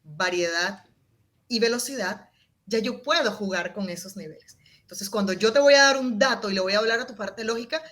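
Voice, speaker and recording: This interview guest talks fairly quickly in a mid-range voice while explaining her method for public speaking. Her delivery is expressive, with tone and volume shifting as she demonstrates.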